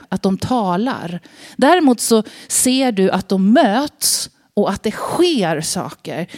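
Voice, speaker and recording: A woman's voice: mid-range voice, a little mellow. A woman gives a sermon-style Bible teaching in an informal, conversational tone. She poses rhetorical questions and often breaks off to rephrase. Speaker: preacher.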